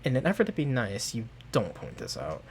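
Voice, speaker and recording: Expressive man narrating a tabletop game. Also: mid-range voice, a little fast, slight background noise. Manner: expressive second-person storytelling. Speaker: game master.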